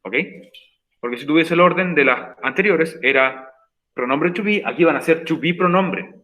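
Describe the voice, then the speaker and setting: Guy teacher explaining grammar in a virtual class, patient, says things twice, kinda high pitched. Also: normal speed, bright, forceful tone, poor audio. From Chile. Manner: patient, repeats points for emphasis. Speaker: English teacher. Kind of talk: recorded online class explanation.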